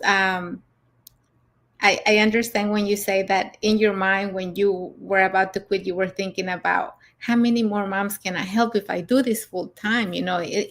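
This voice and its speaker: A woman hosting an interview, affirming her guest and leaning on "you know". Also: mid-range voice. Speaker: host. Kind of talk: interview chat.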